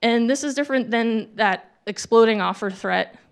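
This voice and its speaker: A woman's voice: on the high side, moderate pace, vocal fry, clear, resonant tone. A woman giving a casual, conversational talk at a tech meetup, acting out sample dialogue with frequent ums and restarts. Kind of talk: casual presentation to an audience. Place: meetup event venue.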